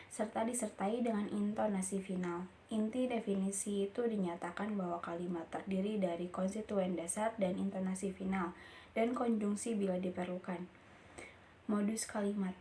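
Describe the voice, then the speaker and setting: A young woman reads her course material aloud like a student presentation, keeping a steady, middle pitch. She sometimes trips over a long word and starts it again. A faint noise sits behind her voice. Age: young adult. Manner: reads steadily from notes, with small slips and restarts.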